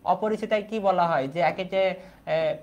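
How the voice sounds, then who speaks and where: A man's voice: sits high, a little slow, a little mellow, lo-fi sound. A young man from Bangladesh teaching an online exam-prep class in Bengali, asking questions and repeating the key answers.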